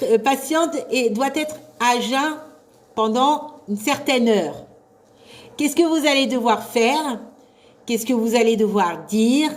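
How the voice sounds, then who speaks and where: Loud-voiced woman teaching live. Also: a little high. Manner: loud, carrying voice, chatty and encouraging. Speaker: nursing assistant trainer. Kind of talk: live online revision class.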